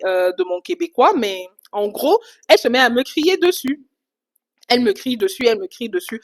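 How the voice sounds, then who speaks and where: Animated woman telling a story. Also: a little high. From Cameroon. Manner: animated retelling, casual fillers. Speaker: vlogger. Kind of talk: storytime vlog.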